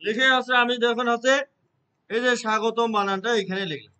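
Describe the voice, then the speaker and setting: A man's voice: very high voice, fairly even intonation, fairly quick, bright, forceful tone, clear, resonant tone, rough recording. A man teaching a computer lesson, explaining step by step and checking his students' understanding with frequent short questions. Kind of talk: classroom lesson.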